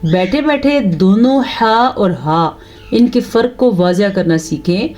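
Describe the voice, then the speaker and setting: A woman teaching tajweed, patiently explaining the rules and reciting her examples slowly and drawn out. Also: medium pitch, animated, a little mellow.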